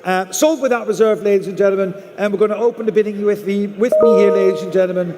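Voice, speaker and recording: A man runs a live auction in a high voice. He repeats figures and bids again and again as he calls for the next one. His voice rings through a large, reverberant hall. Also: quick pace, warm tone, soft background music. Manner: repetitive calling of numbers and bids. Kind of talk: live auction bid-calling.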